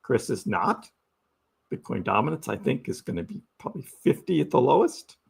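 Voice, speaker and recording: A man's voice: medium pitch, sing-song, normal speed, gravelly, breathy edge. A man hosting a live crypto stream, giving casual chart commentary and asking his audience rhetorical questions. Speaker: crypto livestream host.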